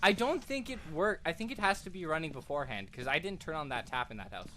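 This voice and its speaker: Excitable streamer with a bright, lively voice. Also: mid-range voice, fast, a little hiss or hum. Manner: excitable, animated, joking. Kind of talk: casual gameplay chat.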